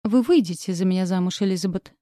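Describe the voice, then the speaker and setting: A sarcastic, commanding young nobleman from a romance audiobook, as a woman narrator reads his lines. The voice is dark and mellow, recorded close and dry. He talks down to the listener with cold mockery. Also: mid-range voice, quick pace, no room sound, natural voice. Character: arrogant angry young male duke.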